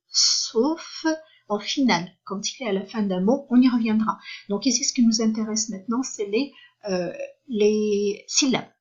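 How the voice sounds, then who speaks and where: A woman's voice: medium pitch, slightly rough, dull audio. A woman teaching a reading lesson for beginners, patient and repetitive, checking often that her listeners follow, with frequent hesitant fillers.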